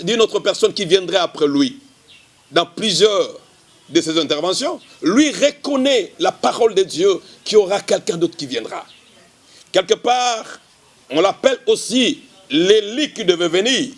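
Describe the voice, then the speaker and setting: A male pastor giving a measured televised sermon, often repeating the same explaining phrase. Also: high-pitched. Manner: measured preaching, repeats "qui est en fait".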